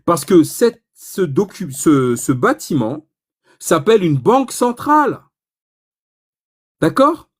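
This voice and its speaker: A man giving an informal economics lesson, animated and provocative, asking himself rhetorical questions. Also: high-pitched, slow, long pauses, breathy edge. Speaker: economics explainer.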